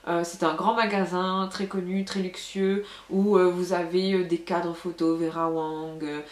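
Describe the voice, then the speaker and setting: A woman's voice: lowish voice, level tone, measured pace. A young woman from France, talking frankly and casually about her studies and jobs, with lots of fillers. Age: young adult. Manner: chatty, frank, many fillers. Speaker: vlogger. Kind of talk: casual storytelling to camera. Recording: echoey room.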